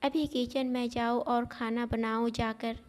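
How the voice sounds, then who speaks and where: A woman's voice: a little high, level tone, slow pace. A woman voicing a curt, unkind young husband in a storybook reading, giving blunt orders. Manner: curt, commanding. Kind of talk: storybook narration.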